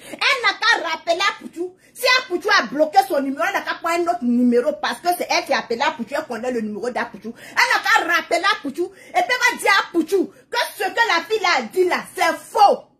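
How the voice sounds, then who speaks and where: A woman's voice: extremely high pitch, lively intonation, quick pace, hardly any pauses, fairly bright tone. A woman talking to her followers in a live video, emphatic and repetitive, drifting into prayerful preaching. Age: adult, mother of children. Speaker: social media livestreamer. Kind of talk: casual live video monologue.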